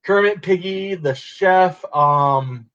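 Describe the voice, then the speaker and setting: A man's voice: high-pitched, slow, fairly bright tone. Rambling man on a lo-fi call. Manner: rambling, laughs often, restarts words. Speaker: podcast host. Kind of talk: casual watch-along chat. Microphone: laptop on video call. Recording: lo-fi, distorted internet call.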